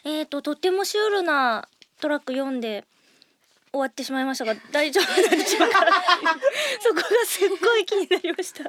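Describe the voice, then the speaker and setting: A voice actress giving a bubbly, giggly cast commentary after a recording. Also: female voice, sits high, animated, fast, background noise.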